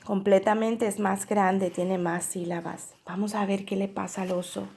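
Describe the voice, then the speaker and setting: A woman's voice: mid-range voice, husky. A woman teacher reading a picture book aloud to young children, stretching out words and counting their syllables. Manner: slow, drawn-out syllable drilling with animated read-aloud emphasis.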